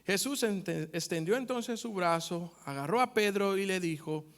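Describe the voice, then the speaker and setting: A man preaching a sermon, addressing the congregation directly with numbered points and rising loud when he reads scripture aloud. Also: sits high, normal speed. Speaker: pastor.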